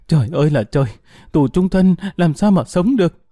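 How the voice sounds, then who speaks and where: A man voicing a frightened, whining male prisoner who pleads tearfully in a raised, high voice. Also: expressive, fast, dark tone, dry recording, clean studio sound, close to an everyday voice. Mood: wailing.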